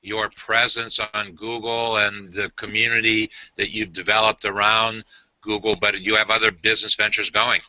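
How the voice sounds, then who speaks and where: Bright-voiced man hosting a video call. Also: on the low side, level tone, dry recording, dull audio. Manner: halting, many "uh" fillers and restarts. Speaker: host. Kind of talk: casual video call interview.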